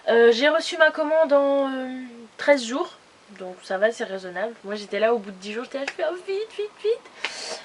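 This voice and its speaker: Woman beauty vlogger, casual and rambling, slightly high voice, faint noise on the track. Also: fairly quick. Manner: chatty, rambling, many fillers and restarts. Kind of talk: casual haul video chat.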